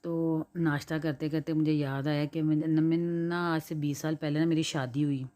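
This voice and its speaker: A woman in her forties from Pakistan with a Punjabi accent, chatting casually in a home cooking vlog, hoarse with a sore throat and flu and clearing her throat often. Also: low-pitched, level tone, moderate pace, mellow. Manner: rambling, mixes in Punjabi, frequent throat clearing. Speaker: cooking vlogger.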